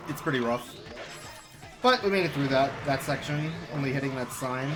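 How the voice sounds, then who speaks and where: A young man with a medium-pitched voice casually commentates his speedrun of a game at normal speed. He explains the tricks with wry, self-mocking asides as game music plays in the background.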